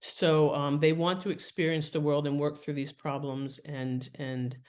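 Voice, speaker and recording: Her voice sits low and her pace is measured as she discusses the craft of writing. She's an author being interviewed, and she comes across as animated and enthusiastic.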